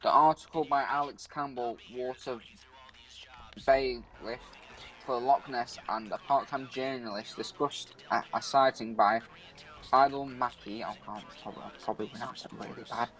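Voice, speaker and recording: Man reading aloud haltingly during gameplay. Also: mid-range voice, fairly even intonation, fairly bright tone, rough recording. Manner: halting reading with frequent stumbles and restarts. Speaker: podcast co-host. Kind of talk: reading urban legends aloud while playing a video game.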